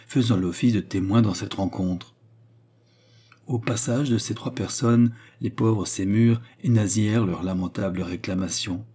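Male audiobook narrator, dark husky voice, steady storytelling. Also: on the low side. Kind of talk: scripted narration of a classic novel.

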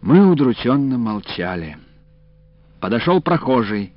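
A man narrating a story in a measured, expressive reading. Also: mid-range voice, dry recording. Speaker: audiobook narrator. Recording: dull, dry lo-fi audiobook recording.

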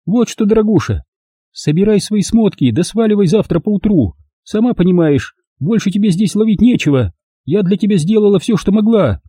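Man voicing a shrill scornful woman. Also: animated, moderate pace, mellow, breathy edge, no room sound, clean studio sound. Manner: coarse, scolding, shrill. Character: harsh scornful middle-aged woman of the house.

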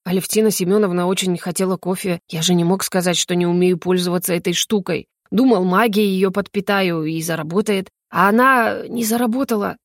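A woman voicing a meek young male wizard who speaks calmly and apologetically. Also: fairly low pitch, brisk, few pauses, no room sound, studio quality, close to an everyday voice. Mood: sheepish. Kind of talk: audiobook character voice.

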